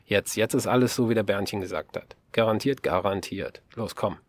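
A man reading a gruff, crude teenage boxer boy. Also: lowish voice, moderate pace, natural voice. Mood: excited. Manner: blunt, swears casually. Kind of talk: audiobook reading.

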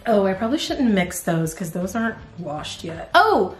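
A woman's voice: medium pitch, sing-song, normal speed, soft background music. A young woman vlogger chatting casually about a haul, bubbly and gushing, often slipping into a cutesy baby voice. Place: outdoors in bright sun. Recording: roomy echo.

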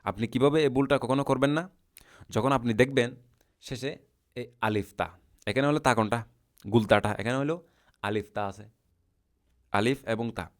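A man teaching a recorded language lesson, patiently repeating word forms slowly for his students. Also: medium pitch. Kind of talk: recorded lesson explaining a chart.

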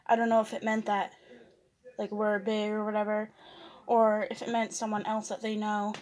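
A woman's voice: mid-range voice, completely flat delivery, moderate pace, darkish tone. A young woman vlogger chatting casually while eating, rambling with lots of fillers and restarts.

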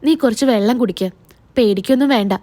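A woman voicing a protective young man who speaks gently and reassures. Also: on the high side, brisk, close to an everyday voice. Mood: comforting.

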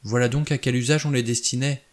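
A man voicing a frightened young woman who trembles with horror, pushing his voice up high. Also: steady tone, fast, lightly acted. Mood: horrified hush.

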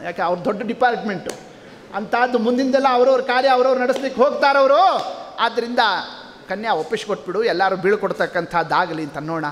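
A man, giving an animated storytelling sermon and putting questions to the audience. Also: high-pitched, fast talker. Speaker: religious discourse speaker. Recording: long hall reverb.

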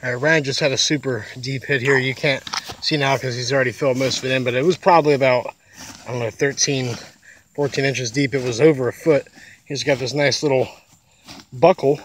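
A young adult man with a steady, fairly quick mid-range voice chats casually as a treasure hunter on a vlog. He is outdoors on a lawn and river water, captured in noisy handheld camera audio.

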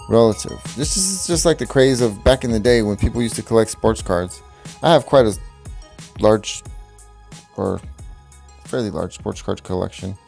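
A vlogger with a gravelly, rather low voice talks off the cuff in a voice-over laid over loud background music. He rambles and swears freely, laughing at his own jokes.

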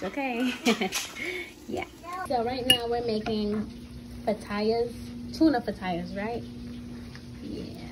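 A young woman chatting casually in a home vlog, relaxed and rambling with fillers, filmed on a phone held at arm's length. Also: mid-range voice, background noise. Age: young adult. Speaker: vlogger. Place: home, kitchen and bedroom indoors.

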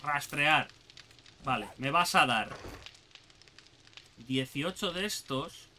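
A young man with a Spain Spanish accent giving excitable let's play commentary, talking to himself and the game and swearing casually. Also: a little high, takes it slowly, slight background noise. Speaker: gaming channel host.

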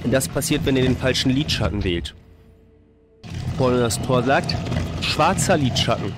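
A man's voice: medium pitch, lively intonation, a little slow, music in the background. A man in his thirties giving colloquial, joking let's play commentary into a close microphone. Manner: joking, colloquial, mock-exasperated. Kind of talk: casual gaming commentary. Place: indoor room at a desk. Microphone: close microphone on boom arm, with headset. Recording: faint game noise behind voice. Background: faint game ambience.

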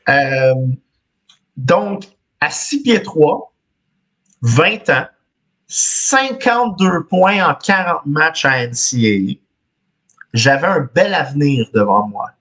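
A man's voice: a little high, very animated, takes it slowly, pauses often, a bit bright. A man in his thirties with a Quebec French accent hosting a casual podcast quiz over a video call, reading clues in the first person and laughing often. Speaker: quiz host. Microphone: video call webcam.

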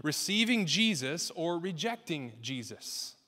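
A man's voice: on the high side, very animated, measured pace, pushed and bright. A man in his thirties, a pastor giving an earnest, conversational sermon that builds in emphasis. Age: 30s. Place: church sanctuary. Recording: long reverb of a church hall.

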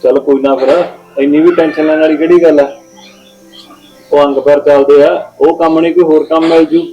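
A man acting a calm young elder brother who soothes his worried family. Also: on the high side, fairly quick, dull audio, soft background music, lightly acted. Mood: reassuring. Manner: soothing, easygoing. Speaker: actor. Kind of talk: village short film acting.

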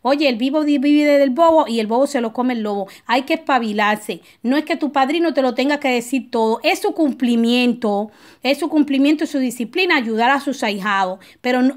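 A spiritual advisor with a high voice teaches her listeners a ritual in a loose, conversational advice talk, preaching a little and checking in with short tag questions. She digresses with restarts and often drifts into personal stories before returning to the point.

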